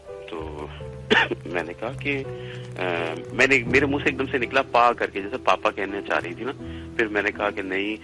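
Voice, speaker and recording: A man's voice: on the low side, moderate pace, music in the background. A middle-aged man from Pakistan, casually telling a haunting story and acting out his family's words. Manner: animated, acts out family members' lines.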